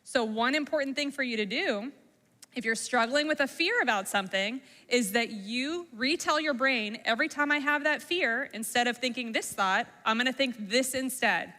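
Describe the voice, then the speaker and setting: Bright-voiced woman teaching a class. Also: fairly high pitch, moderate pace. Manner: engaging, asks the class questions. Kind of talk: classroom talk to middle schoolers. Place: school room or hall, long echo. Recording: reverberant hall sound.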